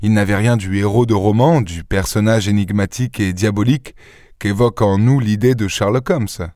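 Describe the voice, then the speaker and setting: A man reading a literary story aloud in a measured narration, recorded on a close studio mic. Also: on the low side, steady tone, mellow, no room sound. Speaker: audiobook reader. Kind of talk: scripted narration.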